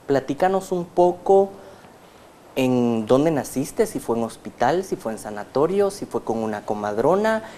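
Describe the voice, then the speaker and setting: A man's voice: mid-range voice, lively intonation, measured pace, warm tone, a little hiss or hum. A man hosting a religious TV interview, formal and welcoming in how he talks. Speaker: TV program host.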